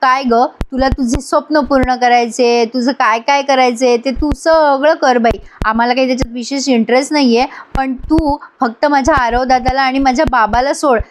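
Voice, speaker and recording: A woman voicing a sulky, sharp-tongued young woman in a retold TV drama, huffy and dismissive. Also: high voice, steady tone, moderate pace, hardly any pauses, a little hiss or hum, lightly acted.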